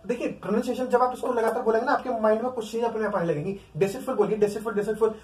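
A man's voice: sits high, steady tone, very fast, a little mellow. A man with an Indian accent teaching an exam-prep vocabulary lesson. He drills words by repeating them over and over and keeps asking the class questions. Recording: echoey room, mic at a distance.

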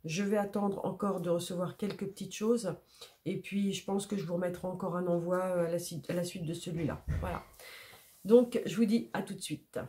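A woman's voice: fairly low pitch, moderate pace, dark tone. A woman hosting a scrapbooking channel, unboxing mail in a casual, chatty way with many hesitations and repeated words, sniffling a little. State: sniffling after sneezing.

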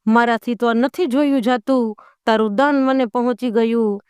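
A woman voicing an old bard who loudly recites praise verses to a king in a folk tale. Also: a little high, steady tone, normal speed, clear, resonant tone, no echo, studio quality, lightly acted. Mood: declaiming.

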